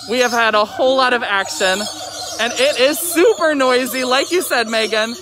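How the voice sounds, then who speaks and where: Excited masked woman presenting over noisy bird calls. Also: fairly high pitch, normal speed. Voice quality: slightly muffled through a face mask. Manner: excited, chatty, exclaiming. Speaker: zoo educator hosting a live animal show. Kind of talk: upbeat live-stream presenting. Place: outdoor zoo by a lorikeet aviary. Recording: very noisy aviary, loud bird and animal calls. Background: loud bird calls and chirping.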